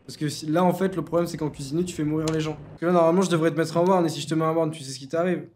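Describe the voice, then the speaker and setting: Un jeune homme au débit très rapide et à la voix un peu haute, qui commente en admin de serveur. Il parle en argot, tranche net et taquine les joueurs sans ménagement. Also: male voice, fairly high pitch, steady tone, a little mellow. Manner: slangy, bossy, teasing. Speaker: game server admin and YouTuber. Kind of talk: casual Let's Play commentary.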